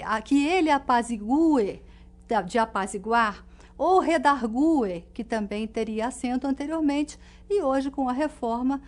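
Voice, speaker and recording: Woman teacher, high voice, clear and didactic, slows down on the examples. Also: a little mellow. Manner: clear didactic explaining, stresses example words slowly. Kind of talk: recorded online lesson.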